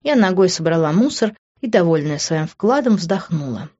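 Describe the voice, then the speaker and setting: Expressive female audiobook narrator, fairly low voice, dull lo-fi recording. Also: normal speed, husky. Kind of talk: first-person audiobook narration.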